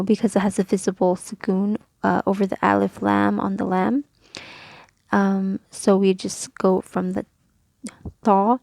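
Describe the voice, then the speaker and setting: Patient woman teaching with a dark, gravelly voice. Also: mid-range voice, no room sound. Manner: patient, methodical, with frequent ums and self-corrections. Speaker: Quran reading teacher. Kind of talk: casual recorded lesson, explaining rules step by step.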